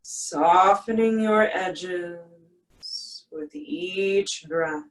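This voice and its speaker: A soothing yoga-teacher voice leading a guided meditation at an extremely slow pace, with long pauses between phrases. The pitch sits in a middle range, and the sound is roomy and set back from the microphone. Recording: echoey room, distant from mic.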